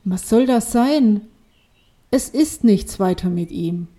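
A woman's voice: mid-range voice, lively intonation, takes it slowly, warm tone. A woman voicing an emotional, stubborn young woman who speaks in an agitated, sulky way.

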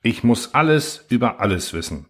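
A man's voice: medium pitch, sing-song, normal speed. A man voicing a bewildered young man with an extraordinary memory, hesitant and brooding.

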